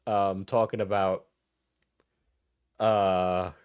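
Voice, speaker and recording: A man's voice: deep voice, flat delivery, extremely slow, clean tone, no room sound, lo-fi sound. A man giving casual, rambling live stream commentary, with some swearing, as he reacts to videos.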